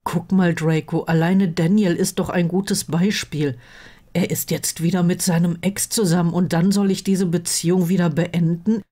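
A woman reading aloud plays a sarcastic teenage wizard boy, worried and a bit glum. Her voice stays close to her own and sounds mellow and warm in a storybook reading. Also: on the low side, steady tone, moderate pace, close to an everyday voice. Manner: sarcastic, dejected. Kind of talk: audiobook reading of fan fiction.

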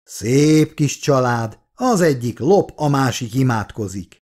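A man's voice: mid-range voice, expressive, a little mellow, natural voice. A man playing a stern old grandfather. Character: stern, sensible grandfather, head of the family.

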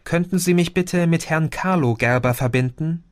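Guy reading an audiobook, doing a cheeky young woman, voice pushed higher, dry close mic. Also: moderate pace, no echo, close to an everyday voice. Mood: bright. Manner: lively, often ends with a questioning "oder?".

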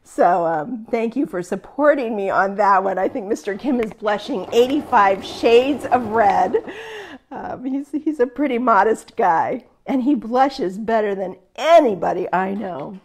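A woman's voice: medium pitch, expressive, unhurried, a little mellow, slight background noise. A middle-aged woman teaching a live online quilting class in a chatty, upbeat way, laughing often.

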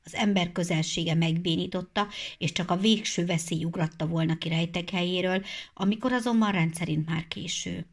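Low-voiced woman reading a storybook. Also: fairly even intonation. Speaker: narrator.

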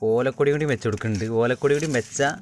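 A home cook and vlogger from Kerala, India, speaks rapid-fire in a medium pitch as he casually demonstrates his cooking over a wood fire at home. He rambles, repeating phrases as he works, while clattering pans and clicks fill his noisy self-shot recording.

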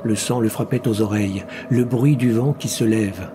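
A man narrating a science fiction story as an audiobook reader, with a measured, dramatic delivery. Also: on the low side, background noise. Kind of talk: scripted narration.

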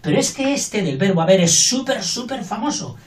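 A man's voice: sits high, lively intonation, brisk, recorded from a distance, noisy background. Older male teacher, chatty and playful, recorded off-mic in an echoey room. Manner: chatty, playful, acts out everyday scenes. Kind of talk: casual grammar lesson. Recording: roomy, voice from off the mic.

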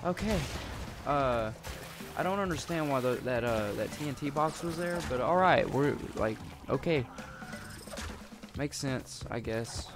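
A man giving profane, rambling commentary on a game he is playing, muttering to himself and erupting in frustrated outbursts. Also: mid-range voice. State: hungry and a bit grumpy. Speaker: gaming YouTuber. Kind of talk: profane casual let's-play commentary.

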